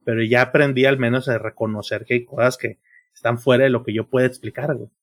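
A man's voice: mid-range voice, fairly even intonation, quick pace. A man in his thirties with a Mexican accent, a podcast co-host who talks earnestly to his friends and fills every phrase with slang. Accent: Mexican Spanish. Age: 30s. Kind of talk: casual chat.

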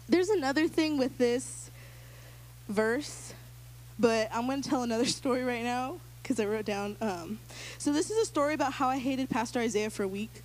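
A young woman giving a casual, animated personal testimony to a church group, acting out the voices in her story and using lots of filler words. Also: fairly high pitch, slight background noise. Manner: casual, filler-heavy speech.

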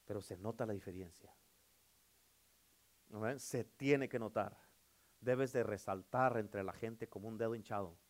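A man, a pastor preaching a sermon, calling out amen often and swinging between loud declarations and hushed passages. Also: on the low side, a little slow, long pauses.

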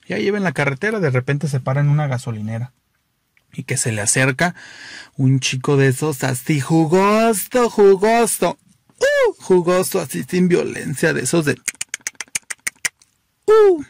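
A man with a Mexican accent telling jokes in an animated, playful way, throwing in lively exclamations. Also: on the high side, a little fast, gravelly, dry recording, clean studio sound. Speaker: joke teller. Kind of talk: oral joke telling.

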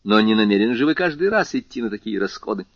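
A man voicing a lively, teasing young viscount in an audiobook, with a high, exclamatory delivery. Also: quick pace, no room sound. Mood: excitable. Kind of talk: audiobook character voice. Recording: slightly muffled lo-fi recording.

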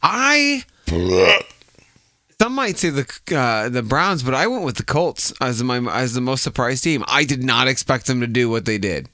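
A man's voice: medium pitch, very animated, a little slow, bright, forceful tone, no room sound, studio quality. A man casually chatting about football as a podcast co-host.

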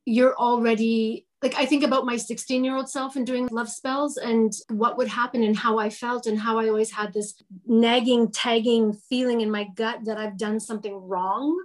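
A woman's voice: fairly high pitch, steady tone, normal speed, few pauses. A woman hosting a casual interview, chatty and self-deprecating, thinking aloud as she asks questions. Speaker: interviewer host.

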